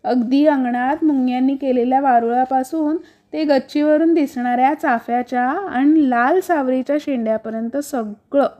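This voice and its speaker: High-voiced woman reading a storybook. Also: moderate pace, mellow. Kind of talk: storybook narration.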